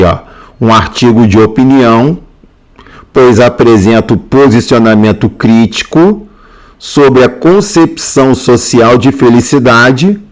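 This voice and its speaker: A male teacher with a Brazilian Portuguese accent, going through exam answers step by step and repeating key points. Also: medium pitch. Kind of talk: exam answer walkthrough lesson.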